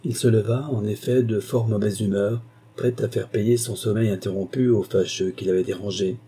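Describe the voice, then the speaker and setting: Man reading a novel aloud, low mellow voice, bit husky, steady. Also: moderate pace. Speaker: audiobook narrator. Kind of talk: scripted narration.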